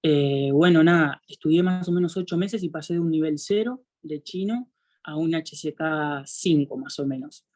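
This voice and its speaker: A man's voice: on the high side, moderate pace. A man in his twenties with a Uruguayan accent, an international student talking casually and loosely with plenty of fillers. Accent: Uruguayan Spanish. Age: 20s. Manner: relaxed and chatty, fillers like "bueno, nada". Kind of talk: casual talk in a webinar.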